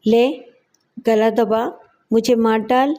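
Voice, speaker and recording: A hot-tempered wife flings taunts and insults in an audio story, voiced by a woman narrator. The voice sits slightly high with a mellow, soft tone. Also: flat delivery, close to an everyday voice. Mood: furious. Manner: shouting, scornful taunts.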